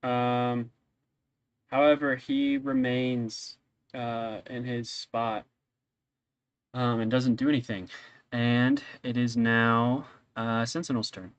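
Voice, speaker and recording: A man working as game master of a tabletop role-playing game, narrating casually in a halting, hesitant way. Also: mid-range voice, flat delivery, smooth, dull audio.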